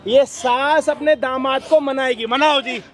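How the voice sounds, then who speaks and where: A man's voice: extremely high pitch, steady tone, unhurried, fairly bright tone. Bossy, taunting man. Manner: bossy, taunting, giving orders. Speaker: confronting host. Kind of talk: staged confrontation video.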